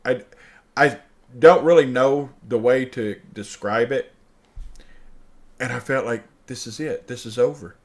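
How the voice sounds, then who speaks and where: Older male host telling a true story, lively and animated, voicing both sides of the conversation. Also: medium pitch, unhurried, pauses often. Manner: animated, acts out dialogue, laughs mid-sentence. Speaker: show host. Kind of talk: personal storytelling.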